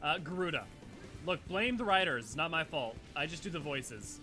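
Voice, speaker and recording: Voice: mid-range voice, lively intonation, moderate pace, bright, forceful tone, soft background music. A streamer who does character voices, chatting casually while playing a game. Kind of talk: casual game livestream chat.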